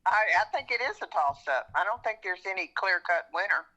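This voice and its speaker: A woman's voice: on the low side, expressive, brisk, bright, forceful tone, highs cut off. A woman chatting casually about sports as an easygoing, agreeable fan. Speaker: regular guest.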